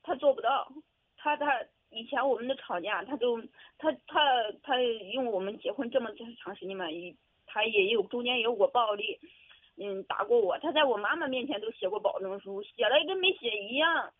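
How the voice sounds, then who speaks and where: A woman calling an advice show, halting and hesitant, repeating herself and close to tears. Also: fairly high pitch, no echo. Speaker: caller. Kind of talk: call-in radio advice. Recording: tinny phone line.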